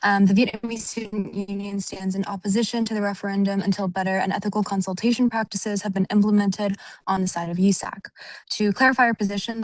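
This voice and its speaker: A woman's voice: medium pitch, no echo, low-quality recording. A young woman, a student group officer, firmly reading a prepared public comment. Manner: firm, reads a prepared statement.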